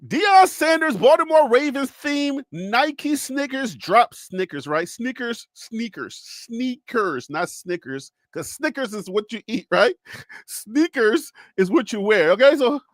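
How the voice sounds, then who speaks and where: A man with a Liberian accent hosts a solo sports livestream, talking to his chat in a very high-pitched, expressive voice at a measured pace. He jokes around and repeats himself, and there's no room sound.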